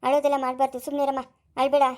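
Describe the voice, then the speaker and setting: A woman's voice: sits high, completely flat delivery, racing, natural voice. A woman voicing a protective sister-in-law who comforts and scolds, with a Chikkaballapur Kannada accent, in a homemade family skit. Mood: comforting fierce. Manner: scolding yet comforting, forceful.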